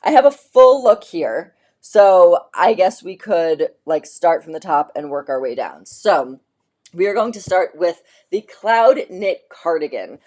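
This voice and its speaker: Low-voiced woman chatting on a live sale. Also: a little mellow. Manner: chatty, rambling, upbeat with frequent fillers. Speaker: boutique owner hosting a live shopping stream. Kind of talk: casual live-stream product demo.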